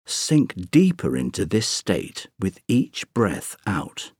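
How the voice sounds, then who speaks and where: A man slowly guiding a sleep meditation, counting breaths in a soothing, drawn-out way with long pauses. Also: low-pitched, wildly swooping pitch, a little mellow, breathy edge, no echo, clean studio sound. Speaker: meditation guide.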